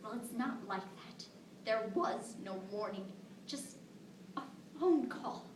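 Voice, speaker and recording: A woman performing as a tragic young mother full of sorrow, in a dramatic monologue. Her voice is fairly high and halting, heard from a distance in an echoing room. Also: lively intonation, a bit bright. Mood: stunned grief. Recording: roomy, distant mic with faint noise.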